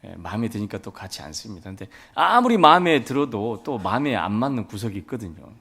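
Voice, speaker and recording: A man's voice: lowish voice, sing-song, fast, a bit bright, slightly rough. A man preaching a sermon as a pastor, telling folksy stories and acting out family dialogue. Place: church sanctuary.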